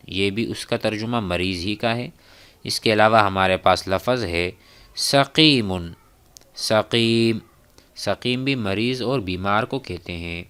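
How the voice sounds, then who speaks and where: Calm low-voiced male language teacher. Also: clean tone. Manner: slow, deliberate, repeats each phrase for students to echo. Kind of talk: recorded language lesson.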